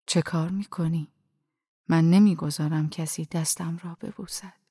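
A calm, firm old dervish, as a woman reads him. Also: on the low side, dry recording, studio quality, natural voice. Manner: quiet, firm but gentle, often half-whispered. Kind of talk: audiobook narration.

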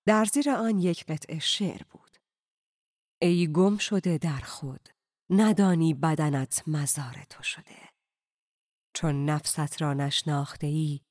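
Calm, measured audiobook narrator. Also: mid-range voice, dry recording, studio quality. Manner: calm, measured, slipping into whispers. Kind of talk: scripted narration.

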